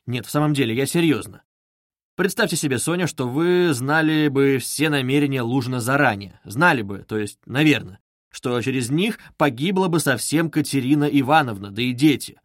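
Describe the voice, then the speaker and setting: A man's voice: medium pitch, normal speed, dry recording, close to an everyday voice. A man voicing a brooding, feverish young man who presses his questions insistently, read as an audiobook in a dry studio. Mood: pressing. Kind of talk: audiobook reading.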